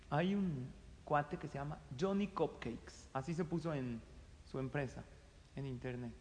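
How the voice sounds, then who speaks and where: A middle-aged man with a Mexican accent gives a conversational advice talk, acting out the quoted exchanges in a lively way. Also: on the high side, a little slow, a little hiss or hum. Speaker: speaker giving advice. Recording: long hall reverb.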